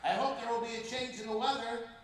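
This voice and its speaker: A man reading a story aloud and voicing a selfish male giant in a raised, drawn-out voice. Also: very high-pitched, steady tone, fairly bright tone, slight background noise, pitched above the performer's own voice. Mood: wondering. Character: selfish grumpy male giant, later remorseful. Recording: echoey church heard from far off.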